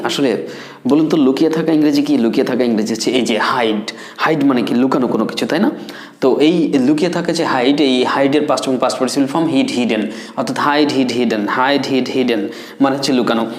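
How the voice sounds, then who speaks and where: A man teaching a spoken English lesson, drilling word forms with slow repetition. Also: medium pitch. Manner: repeats words and forms slowly, drills pronunciation. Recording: echoey room.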